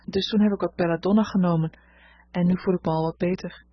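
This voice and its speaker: Woman doing a shy sweet girl, soft and calm, husky, dull recording. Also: on the low side, fast, no echo, close to an everyday voice. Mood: reassuring. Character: gentle shy young girl falling ill.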